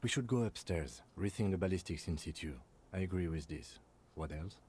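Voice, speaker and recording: A man voicing a calm, reserved police lieutenant in a video game, speaking in a dry, precise, deadpan way. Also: low-pitched, fairly quick, slight background noise, natural voice. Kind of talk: game voice acting.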